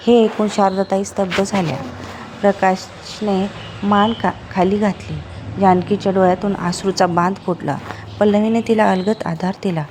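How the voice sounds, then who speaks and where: A woman storyteller narrating an emotional family tale in a steady, plain manner. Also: medium pitch, a little hiss or hum.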